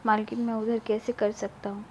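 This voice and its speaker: A woman's voice: a little high, flat delivery, normal speed, a little hiss or hum, lightly acted, low-quality recording. Shy young servant guy, put on by a woman.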